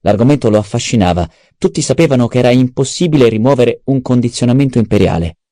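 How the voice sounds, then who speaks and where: A man narrating an audiobook in a measured, even reading. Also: mid-range voice, dry recording, clean studio sound.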